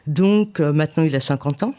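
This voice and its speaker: A woman's voice: sits low, a little fast, warm tone. A woman talking about a novel in a casual chat, hesitant and full of fillers. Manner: hesitant, many fillers like "voilà" and "euh". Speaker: book reviewer on a radio show.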